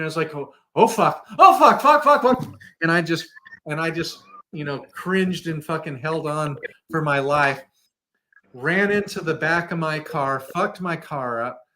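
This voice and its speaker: A man's voice: on the high side, sharp tone, low-quality recording. A man co-hosting a live show, ranting in a casual, heavily profane way. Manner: ranting, swears constantly. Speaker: co-host of a live variety show.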